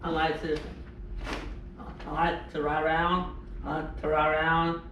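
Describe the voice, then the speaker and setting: A man in his thirties who talks haltingly, repeating words as he asks friendly questions. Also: a little high, completely flat delivery, a bit bright, muffled recording. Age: 30s. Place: indoors in a home. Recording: echoey room, distant mic, faint noise.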